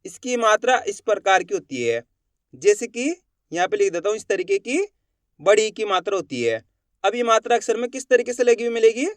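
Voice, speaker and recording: A man teaching a Hindi alphabet lesson, asking the class questions and drawing out each sound slowly. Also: sits high, big pitch swings, no room sound, clean studio sound.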